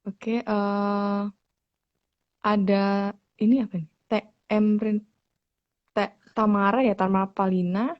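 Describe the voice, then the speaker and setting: A woman, a student assistant, slowly reading out the names of attendees in a halting way. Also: mid-range voice, flat delivery. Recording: dull lo-fi audio.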